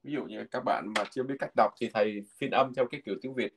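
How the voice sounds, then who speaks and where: A man's voice: medium pitch, slight background noise. Patient man teaching pronunciation. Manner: patient, repeats pronunciations slowly. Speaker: language teacher. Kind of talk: explaining a textbook lesson.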